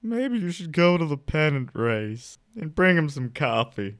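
Man doing a prim illusory assistant, high voice, pitch flying all over, nervous, tabletop role-play. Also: very animated, a little slow. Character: fussy illusory assistant guarding his boss.

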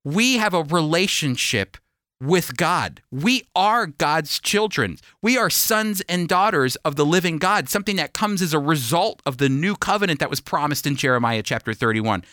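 Recorded dry with clean studio sound, this man's slightly high voice is animated, pushed and bright at a normal speed. As a radio preacher and Bible teacher, he reads scripture and preaches, repeating and emphasizing key phrases and posing rhetorical questions.

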